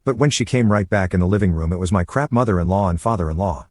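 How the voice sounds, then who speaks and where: Flat-voiced man narrating a story. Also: low voice, fast, no echo.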